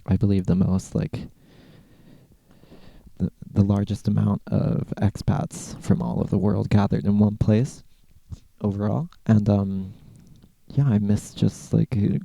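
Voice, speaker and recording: American man, podcast Q&A host: low, gravelly, mellow, relaxed and rambling. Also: no echo. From California, USA. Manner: laid-back, rambling, with many "like" fillers. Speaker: podcast host answering listener questions. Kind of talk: casual Q&A chat.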